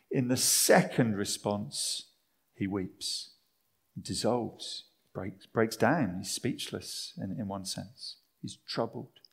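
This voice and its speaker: A man preaching a sermon, lively and animated, dropping to a hushed, slow voice for the tender parts. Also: mid-range voice, gravelly.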